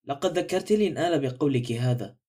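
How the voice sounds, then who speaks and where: A man's voice: on the high side, animated, fast, mellow. A man voicing an older female housemaid in a spoken novel, who talks on and on and keeps apologizing. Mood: apologetic. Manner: rambling, apologetic.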